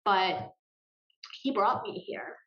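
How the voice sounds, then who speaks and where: A woman speaking earnestly and emotionally as a guest in an interview, with pauses and repeated words. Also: mid-range voice. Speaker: guest, grief support group founder. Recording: roomy, dull lo-fi sound.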